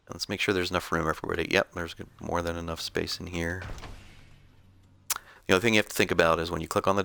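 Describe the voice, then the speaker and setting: A man giving relaxed, explanatory commentary on his own gameplay, thinking aloud as he plays. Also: sits low, gravelly.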